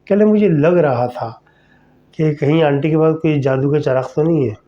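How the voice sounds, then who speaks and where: A man hosting a podcast, telling a horror story in a chatty, conversational way and speaking directly to the listener. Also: on the high side. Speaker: storyteller host. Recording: slightly dull lo-fi recording.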